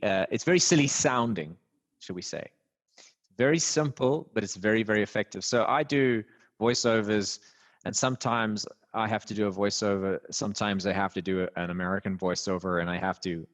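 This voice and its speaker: A guest on a podcast, a man who talks like a working voice actor coaching the listener, shares voice-training advice in a conversational interview. He's animated and explanatory, laughs easily, and swings his pitch and volume for emphasis.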